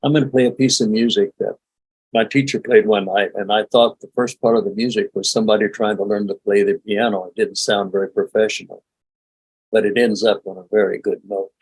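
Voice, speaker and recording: An older man, a meditation teacher, giving a relaxed, folksy spoken lesson with frequent chuckles. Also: fairly low pitch, a little fast, husky, no echo, poor audio. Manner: chuckling, folksy, demonstrates laughing exercises.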